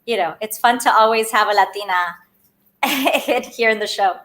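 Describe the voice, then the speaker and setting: A woman born in Colombia co-hosting a casual chat, upbeat and excitable. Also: mid-range voice, a little slow.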